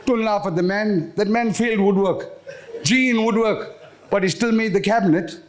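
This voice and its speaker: A man's voice: sits high, moderate pace. A man with an Indian South African accent performs stand-up comedy live on stage, acting out dialogue as he tells stories and putting questions to the crowd. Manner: animated storyteller, acting out dialogue and questioning the audience. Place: live on stage at a gala dinner.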